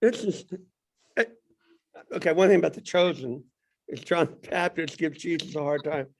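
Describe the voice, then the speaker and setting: A man's voice: a little high, moderate pace. A man leading a Sunday school class in casual, rambling talk, joking and restarting his sentences. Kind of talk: casual Bible class teaching.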